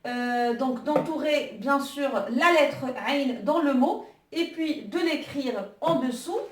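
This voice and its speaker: A woman teaching an online Arabic lesson, patient and unhurried, her explanations often broken by little hesitations. Her voice sits high, and it comes from a distance in a room with a noticeable echo.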